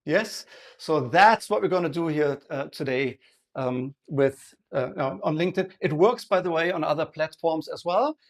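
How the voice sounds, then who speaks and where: A man's voice: fairly high pitch, lively intonation. A man with a German accent presenting a live sales workshop, often checking in with the audience and restarting his sentences. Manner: engaging, asks the audience frequent questions; halting, many restarts and fillers.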